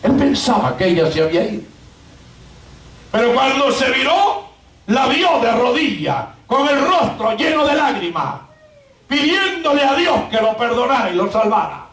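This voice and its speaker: A woman's voice: on the high side, sing-song, normal speed, slight background noise. Impassioned woman preaching in church. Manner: impassioned, often shouting emphasis. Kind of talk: evangelical sermon storytelling. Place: church sanctuary. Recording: roomy church sound from far off.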